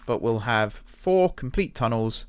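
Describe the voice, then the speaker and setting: Man with lively, casual gaming commentary. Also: medium pitch, unhurried, slight background noise. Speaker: gaming video host.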